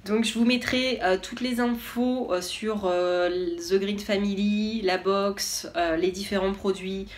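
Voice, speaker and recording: A woman's voice: medium pitch, fairly even intonation, a little slow, few pauses. A woman vlogger chatting casually and enthusiastically as she unboxes products, with lots of hesitation fillers.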